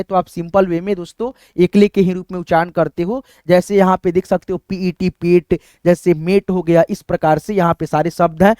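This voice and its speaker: A man teaching a patient phonics lesson in a high, smooth, resonant voice. He keeps asking his students questions and then answers them himself. The sound is close and dry. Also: a little mellow, dry recording. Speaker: English teacher.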